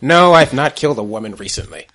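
A man's voice: medium pitch, lively intonation, fast, fairly bright tone. A man playing a tabletop role-playing game, talking casually and half in character.

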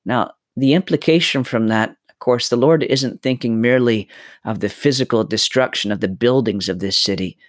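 A man teaching from the Bible in an earnest, preaching style, slowing down to stress key words. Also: mid-range voice, no echo, clean studio sound.

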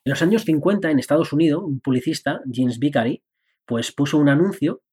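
A man's voice: a little high, fairly quick, dark tone, slightly rough. A man hosting a casual podcast monologue about personal development. He talks in a chatty, playful way, laughs at himself and acts out little inner voices.

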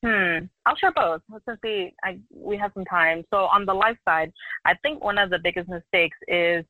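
A woman's voice: fairly low pitch, moderate pace, sharp tone, dry recording, poor audio. A young adult woman talking as a podcast guest in a loose, chatty way, full of "like" fillers. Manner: talkative, loose, many "like" fillers. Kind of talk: casual interview chat.

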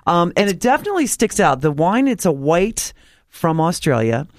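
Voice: medium pitch, very animated, moderate pace. A radio morning show guest in casual chat, bubbly, playful and chatty.

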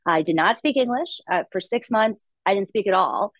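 A woman's voice: medium pitch, lively intonation, moderate pace, no room sound. A middle-aged woman from Latvia, a podcast guest, telling her story in an articulate, upbeat way. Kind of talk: conversational interview.

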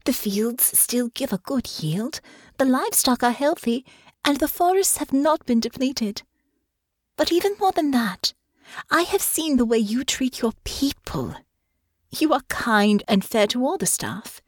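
A woman voicing a young noblewoman who speaks calmly and gently while staying firm. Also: high-pitched, unhurried, dry recording, studio quality, pitched above the performer's own voice. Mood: gentle. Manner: calm, gentle but firm.

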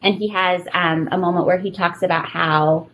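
A woman in her thirties hosts a casual podcast chat, telling nostalgic stories in a slightly low voice. A faint hiss of noise sits behind her. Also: fairly even intonation, normal speed, dull audio. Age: 30s. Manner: chatty, nostalgic storytelling. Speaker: podcast host.

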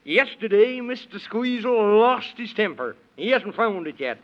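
Very high-voiced, fussy Man in the Moon. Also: animated, a little slow. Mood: fussy, muddled. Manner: flustered, muddled, exclaiming and repeating himself. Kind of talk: 1930s children's radio serial acting. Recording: dull, muffled 1930s radio recording.

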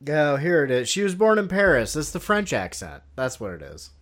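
A man co-hosting a casual movie commentary, laid-back and quick to chuckle, who sometimes reads out film trivia. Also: fairly high pitch, huge pitch swings, a bit bright. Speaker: podcast co-host.

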